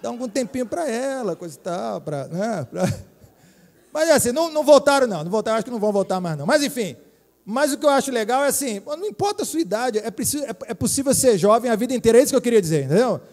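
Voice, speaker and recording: A Brazilian man in his forties, a pastor preaching a lively, joking sermon and speaking straight to his congregation. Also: very high-pitched, quick pace, big-room sound. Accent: Brazilian Portuguese. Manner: lively, jokey preaching with direct appeals to the congregation. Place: church hall.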